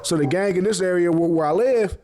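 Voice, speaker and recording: This male podcast host tells stories casually in a high, warm voice at a fairly quick pace. His talk is full of street slang and profanity, and he laughs often.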